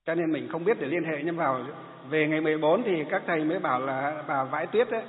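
A male Buddhist monk, telling a story in a sermon in an animated way and repeating his phrases. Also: a little high, fast. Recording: tinny phone-like sound in an echoey hall.

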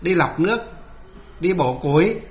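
A man's voice: a little high, animated, measured pace, muffled recording. A man who is a Buddhist monk from northern Vietnam, telling the story of his ordination in an earnest storytelling manner. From Hoa Binh, northern Vietnam.

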